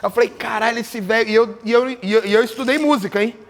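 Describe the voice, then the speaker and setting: This capoeira teacher has a very high voice and speaks fast. During a group workshop with berimbaus, he explains tuning while joking and putting questions to the class.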